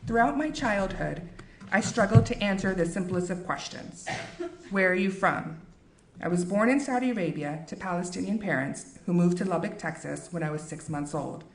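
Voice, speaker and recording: American woman, author, book talk and reading, measured and earnest, lowish voice, faint noise behind. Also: lively intonation. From United States. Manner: measured, earnest, with frequent fillers.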